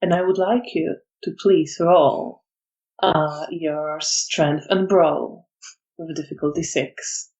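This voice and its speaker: A woman running a tabletop horror game as storyteller, narrating scenes in a measured way with frequent ums. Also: deep voice, fairly even intonation, darkish tone, muffled recording.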